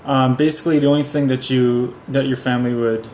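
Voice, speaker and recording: A man's voice: mid-range voice, steady tone, quick pace, a little mellow, echoey room, slight background noise. A young Canadian man talking casually with his wife, explaining things in an earnest, careful way. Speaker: co-host of a couple's livestream. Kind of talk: casual chat.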